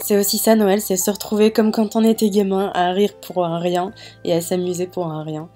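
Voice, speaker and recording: A woman's voice: mid-range voice, level tone, moderate pace, dark tone. A woman giving a casual, chatty voice-over narration in the manner of a vlogger. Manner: chatty, informal. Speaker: vlogger narrating a family holiday video. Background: background music.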